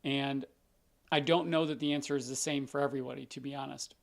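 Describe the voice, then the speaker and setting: A male doctor with a scratchy, vocal-fry-laden voice of medium pitch hosts a live Q&A stream, talking fast with fairly even intonation. He explains things loosely and conversationally, leaning on plenty of everyday examples.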